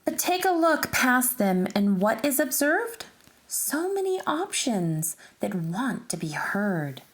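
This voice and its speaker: Speaking straight to young listeners, a woman with a slightly high voice reads a rhyming children's tale with deliberate, expressive delivery.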